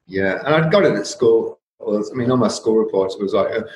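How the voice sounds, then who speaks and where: A man's voice: on the low side, expressive, brisk, a little mellow, echoey room, slight background noise, rough recording. A man in his fifties who grew up in Singapore, Ireland and Australia, talking as an interview guest in a reflective, rambling way with frequent fillers. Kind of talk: casual conversational interview.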